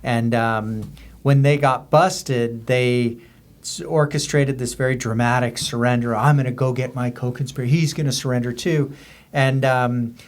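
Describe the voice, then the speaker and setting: An American man from the US border region talks as a podcast guest, unscripted and conversational, in a medium-pitched, steady voice at normal speed. His casual storytelling wanders through anecdotes, circling around examples and details as he explains.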